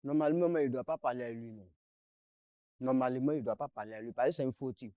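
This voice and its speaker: On a mediation show, a man confronts the person who owes him money, speaking fast in a warm, mid-range voice. Angry and insistent, he repeats himself and interrupts, and the studio-quality sound has no echo.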